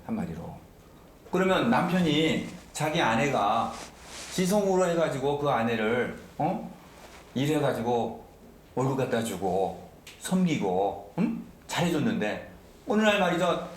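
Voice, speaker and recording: A man's voice: mid-range voice, very animated, measured pace, long pauses, roomy sound, a little hiss or hum. A man preaching a sermon as pastor, emphatic and often asking the congregation questions. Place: church sanctuary.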